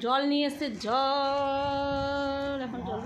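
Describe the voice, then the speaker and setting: A woman's voice: high-pitched, flat delivery, very slow, roomy sound. A woman in her thirties with a West Bengal accent, narrating a casual home vlog and chatting directly to viewers. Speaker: family vlogger, mother. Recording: noisy handheld home recording.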